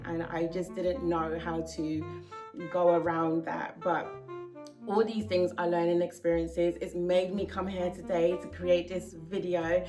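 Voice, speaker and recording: A young woman vlogging to camera, earnestly sharing heartfelt advice with casual fillers. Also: lowish voice. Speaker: hair vlogger. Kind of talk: casual talking-to-camera vlog.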